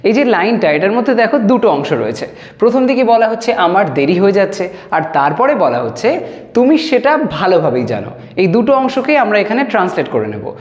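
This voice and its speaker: A man teaching a spoken English lesson, patiently explaining and repeating phrases slowly word by word. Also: high voice, sing-song. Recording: echoey room with long reverb.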